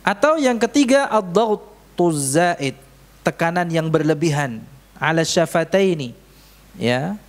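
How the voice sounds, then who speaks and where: Man, Indonesian accent, Quran recitation teacher, slow unhurried delivery, mosque lesson. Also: a little high, lively intonation. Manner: questions the audience often, demonstrates Arabic sounds slowly. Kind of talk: tajwid lesson with live recitation examples. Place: mosque prayer hall.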